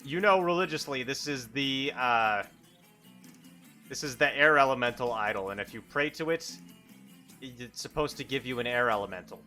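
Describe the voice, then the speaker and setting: A man's voice: medium pitch, moderate pace, sharp tone, soft background music. A man improvising narration as game master of a tabletop role-playing game.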